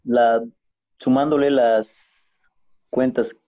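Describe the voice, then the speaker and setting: A man's voice: mid-range voice, steady tone, extremely slow, dark tone. A man answering a teacher's questions as a student, hesitant and searching for his words. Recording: dull lo-fi line.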